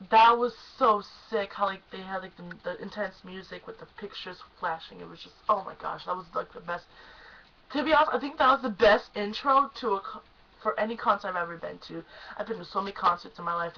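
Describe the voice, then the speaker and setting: A young woman excitedly recapping a concert she went to, gushing and emotional, at times choked up. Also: medium pitch, a little fast, gravelly, highs cut off. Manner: gushing, emotional, lots of "like" and "oh my gosh". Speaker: concert fan vlogger.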